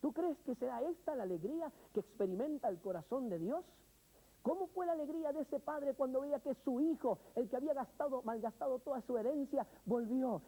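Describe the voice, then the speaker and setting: A male pastor preaches a sermon expressively, asking the listener questions and telling stories drawn from everyday examples. His voice is very high-pitched, brisk and husky with a warm tone, and the audio quality is poor.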